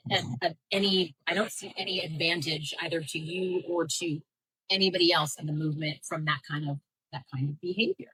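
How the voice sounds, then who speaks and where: Blunt, bright-voiced American woman host. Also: deep voice, brisk, breathy edge, dry recording, rough recording. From United States. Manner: blunt and direct, animated with many fillers. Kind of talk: casual livestream conversation.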